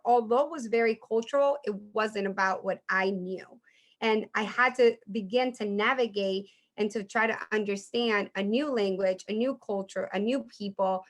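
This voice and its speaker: A woman in her thirties, born in Colombia with Spanish as her first language, giving an earnest personal talk to teens as a math professor and often checking in with "right?". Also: a little high. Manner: earnest, warm storytelling with frequent "right?" tags. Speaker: guest speaker, math professor.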